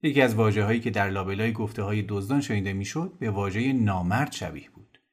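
A man narrating a novel in a calm, measured storytelling voice. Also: lowish voice.

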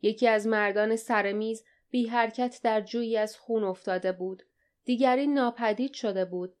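A woman narrating an audiobook in a steady, dramatic storytelling style. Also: a little high, clean tone. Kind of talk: scripted narration.

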